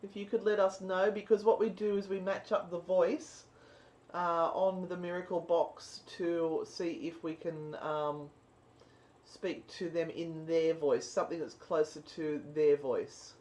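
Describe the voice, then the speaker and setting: A woman's voice: on the low side, fairly even intonation, measured pace, darkish tone. A woman co-hosting a live paranormal stream, chatting casually and explaining things to viewers. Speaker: co-host of a live spirit box stream.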